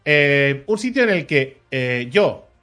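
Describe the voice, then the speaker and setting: A man's voice: on the high side, slow, faint music behind. A man from Catalonia, telling a story in casual chat and acting out the dialogue with many asides. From Catalonia, Spain. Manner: animated anecdote-teller, acts out dialogue, laughs often, many filler "¿vale?".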